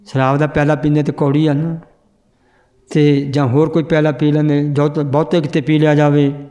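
Male scripture teacher, slightly high voice, patient, drills pronunciation and chants verses. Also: flat delivery, moderate pace, mellow.

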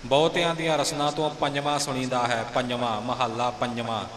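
A man's voice: mid-range voice, level tone, moderate pace, background noise. A man teaching how to pronounce scripture correctly, mixing explanation with sung lines. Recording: echoey hall.

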